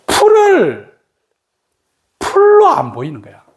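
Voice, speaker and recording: Lively middle-aged meditation teacher telling stories. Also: extremely high pitch, slow pace. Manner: animated storyteller, keeps asking rhetorical questions. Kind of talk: dharma talk to students.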